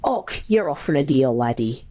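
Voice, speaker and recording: An older man with a hoarse voice, chatting folksily on a phone call and calling people laddie. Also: medium pitch, very animated, a little fast. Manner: folksy, calls everyone laddie. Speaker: caller. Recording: tinny phone line, faint noise.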